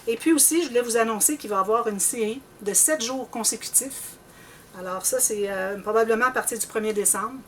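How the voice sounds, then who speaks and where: A woman with a Québécois French accent hosting a scrapbooking channel, chatting casually to viewers in a rambling way and often clearing her throat. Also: on the high side, a little fast, a bit bright, distant mic, a little hiss or hum. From Canada.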